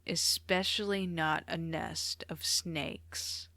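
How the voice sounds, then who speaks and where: A woman voicing a tired adult male teacher who speaks slowly and dryly in a storybook reading. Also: on the high side, little pitch movement, vocal fry, a bit bright, dry recording. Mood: weary. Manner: dry, slow, tired. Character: weary adult male teacher, dry and patient.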